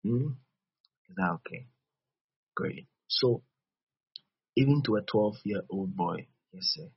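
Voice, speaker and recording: West african guy preaching, really husky voice, repeats himself to teach, muffled dry recording. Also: lowish voice, animated, slow, no room sound. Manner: didactic, repeats phrases, checks understanding with the listeners. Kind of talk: sermon.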